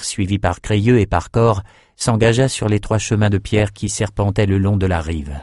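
A man narrates a dark fantasy audiobook in a measured, grave way. His voice sits low, and the recording is dry and close with no room sound. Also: no room sound. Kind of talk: scripted narration.

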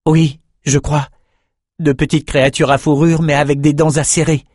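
A man's voice: on the high side, little pitch movement, normal speed, a little mellow, no room sound, clean studio sound, voice pushed up, natural voice. A man voicing a young male student mage who talks hesitantly and earnestly in a storybook reading.

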